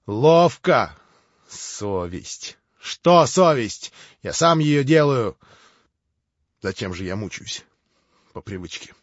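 A man voicing a feverish, tormented young man who talks himself into agitated shouting, on a dull, dry lo-fi recording. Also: fairly low pitch, slightly rough, dry recording, heavily acted. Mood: brooding.

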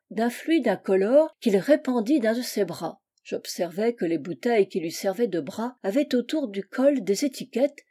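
Mellow-voiced woman reading a tale. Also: medium pitch. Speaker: reader. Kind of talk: literary audiobook narration.

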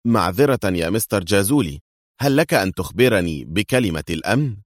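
Male narrator as a polite bank manager, low, dry, formal. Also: lively intonation, a little fast, dry recording, lightly acted.

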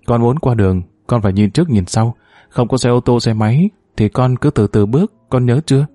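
A man voicing a worried father gently soothing and reassuring his young child. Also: medium pitch, animated, fairly quick, dry recording, studio quality, lightly acted. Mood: tender.

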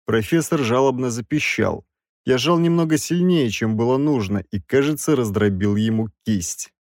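Male audiobook narrator, expressive, mid pitch, dry studio sound. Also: moderate pace, no room sound. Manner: expressive, animated reading. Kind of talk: scripted narration.

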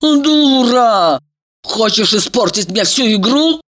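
A woman's voice: big pitch swings, moderate pace, a bit bright. A woman voicing a bossy, scheming young woman who scolds and shrieks at her friend. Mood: scolding, shrill. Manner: shrill, scolding, sarcastic.

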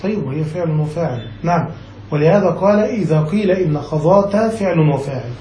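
A man's voice: on the high side, expressive, a little fast, dark tone, echoey room, slight background noise, poor audio. A man, a sheikh, teaching a classical grammar text, reading a passage and then explaining it, often checking whether his students follow.

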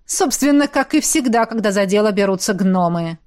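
A woman's voice: mid-range voice, expressive, normal speed, a little mellow, lightly acted. A woman voicing a gloomy, venomous male mentor. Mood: sardonic.

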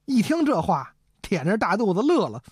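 A woman telling a traditional comic story, animated and speaking straight to her audience. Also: medium pitch, normal speed, husky, no room sound, studio quality. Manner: animated, addresses the audience directly.

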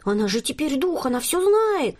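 Woman voicing a shrill, eager little girl. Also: big pitch swings, normal speed, a little mellow. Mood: excited. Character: excitable little girl who adores her grandmother.

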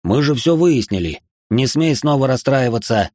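A man doing a gruff, protective dragon-born husband. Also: mid-range voice, lively intonation, normal speed, a little mellow, no echo, clean studio sound, lightly acted. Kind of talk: audiobook character reading.

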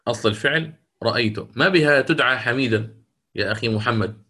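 A man's voice: medium pitch, a little fast, pushed and bright. Male Quran teacher questioning his class. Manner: explains step by step, questions the class, chants quoted verses. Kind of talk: online lecture to students.

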